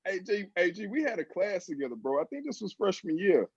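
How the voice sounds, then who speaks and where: A man joining a casual group chat over a video call, excitable and quick to laugh. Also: sits high, slightly rough, no echo. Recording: dull lo-fi call audio with faint hiss.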